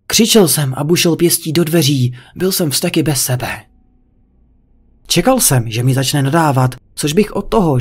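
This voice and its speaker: Higher-voiced man reading a creepypasta. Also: breathy edge. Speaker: narrator. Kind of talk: creepypasta narration.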